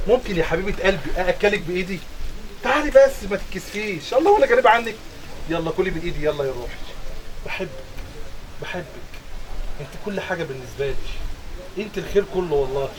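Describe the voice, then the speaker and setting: An actor playing a doting Egyptian farmer husband, coaxing and playful. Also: male voice, sits high, expressive, fast talker, long pauses, background noise. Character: doting rural husband, middle-aged.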